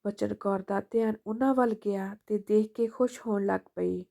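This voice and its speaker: A woman narrating an emotional family story in a calm, steady way. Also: medium pitch, normal speed, gravelly.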